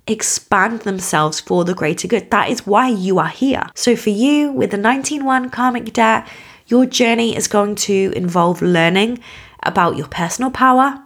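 Croaky-voiced woman giving a spiritual lesson. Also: mid-range voice. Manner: earnest, emphatic, reassuring, speaking directly to listener. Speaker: podcast host. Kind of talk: spiritual teaching monologue to listener.

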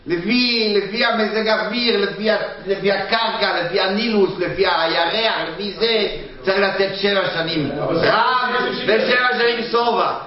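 A man teaching a Bible lesson to a class, talking haltingly with many restarts and fillers. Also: high-pitched, very echoey, muffled recording. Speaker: Torah teacher.

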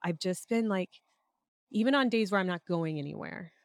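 A woman co-hosting a podcast, hoarse and raspy from a cold, chatting in a reflective way with many fillers. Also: fairly low pitch, normal speed, no room sound, studio quality. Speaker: podcast co-host. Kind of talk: casual chat.

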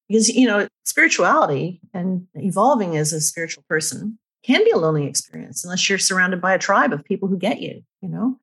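A middle-aged woman with a somewhat low voice shares her life story on a podcast with candid emphasis. She tells it as a guest numerologist would, frank and heartfelt. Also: fairly bright tone, husky. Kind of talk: personal storytelling in a podcast interview.

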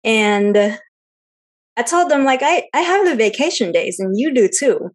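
Her voice is fairly high with big swings in pitch, and she takes her time. She's a young Seattle travel-podcast co-host chatting casually in an interview, laughing easily and dropping many fillers.

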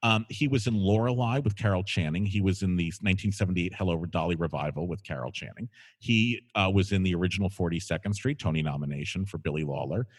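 A man's voice: low voice, quick pace, breathy edge. A man hosting a conversational interview, effusive and emphatic, often repeating phrases for weight. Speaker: host.

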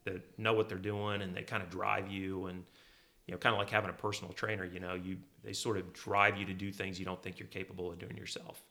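A man's voice: low-pitched, little pitch movement, fairly quick, creaky, sharp tone. A middle-aged man from Kansas, a guest chatting casually and telling self-deprecating stories about his early career. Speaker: guest, chief legal officer. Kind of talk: casual conversational storytelling.

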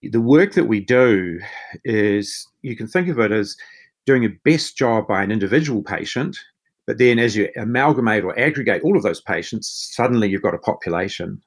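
A man's voice: lowish voice, expressive, moderate pace. A man with a broad New Zealand accent giving conversational answers as a podcast guest. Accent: broad New Zealand (Kiwi). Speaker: podcast guest, chief medical officer and physician.

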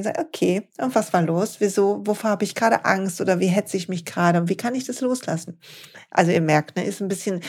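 A woman hosting a podcast, talking eagerly about yoga and slowing down to guide listeners through breathing exercises. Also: medium pitch, darkish tone. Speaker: podcast host and yoga teacher.

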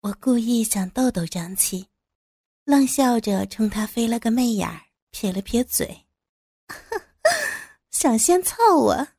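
A woman's voice: on the high side, measured pace, dark tone, husky, no room sound, studio quality. A woman narrating a first-person story as an audiobook, in a knowing, lightly mocking manner.

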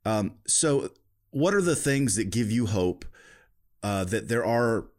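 Male podcast host, low voice, easygoing interviewer who circles back on his words. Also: animated, slow. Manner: thoughtful, with frequent restarts and fillers. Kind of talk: conversational interview.

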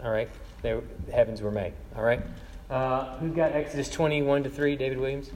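A man's voice: mid-range voice, level tone, normal speed, a little mellow, a little hiss or hum. A man teaching a Bible class, chatty and laughing often as he calls on students by name. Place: large room with a class. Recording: echoey hall with long reverb.

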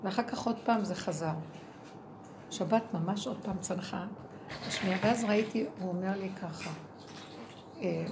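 A woman giving an impassioned spiritual testimony. She is emotional and swings from low murmurs to loud cries, acting out inner dialogue in quoted speech. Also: vocal fry, background noise. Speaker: speaker in a religious talk.

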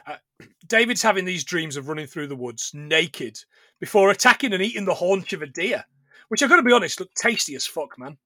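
Recapping a film on a podcast he co-hosts, this man speaks fairly quickly in a voice that sits high, laughing often and swearing freely in an animated, casual conversation. The studio recording is clean with no echo.

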